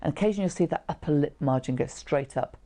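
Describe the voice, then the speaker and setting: Her voice deep and dark, a middle-aged trainer talks fast as she teaches how to read facial expressions, seated in a small indoor room. She explains conversationally to camera in an informal lesson, adding brief illustrative asides.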